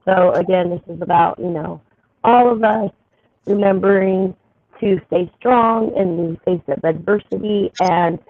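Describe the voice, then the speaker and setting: A woman hosts a livestream in casual, rambling chat, pulling a card for her viewers. Her voice comes through a headset sounding muffled and thin. The low end is gone, like an old telephone line. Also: measured pace, no room sound. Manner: loose and chatty, reading a card aloud for viewers. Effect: muffled sound with the bass missing. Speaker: astrology livestream host. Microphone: headphones with built-in mic. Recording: muffled, tinny phone-like stream audio.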